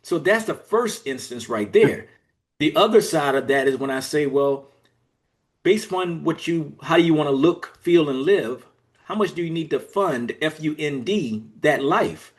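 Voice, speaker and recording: Male executive coach from Georgia, podcast guest, earnest and methodical, slightly higher pitch. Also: lively intonation, a little slow. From Georgia, USA. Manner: earnest, explains step by step. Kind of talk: podcast interview.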